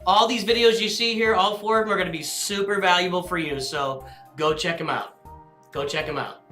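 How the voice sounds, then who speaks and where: A man's voice: high voice, steady tone, brisk, bright, forceful tone. A man hosting a casual live stream as a guild leader, rambling and apologetic as he answers chat questions aloud. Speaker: livestream host and guild leader. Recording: echoey room with faint music.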